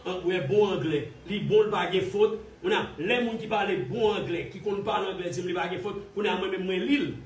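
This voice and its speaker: A man from Haiti delivers a heated, scornful online commentary, mocking his target and hammering the same points over and over. His voice sits high. It comes through a roomy, echoey space with him set back from the microphone. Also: moderate pace, few pauses, a little hiss or hum. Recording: roomy echo, distant from mic.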